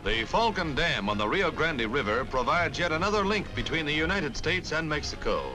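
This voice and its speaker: A man's voice: on the high side, low-quality recording. A man giving dramatic, declamatory 1950s newsreel narration with wry quips, heard as old newsreel sound from a film soundtrack. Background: music.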